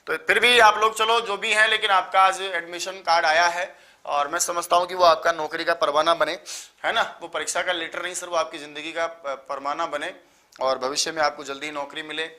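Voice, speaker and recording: Bright-voiced tired teacher from Rajasthan. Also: male voice, on the high side, steady tone. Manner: explanatory, lists terms in quick runs, addresses students as sir. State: tired, just woke up. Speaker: online Sanskrit teacher. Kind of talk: live online exam-prep lecture.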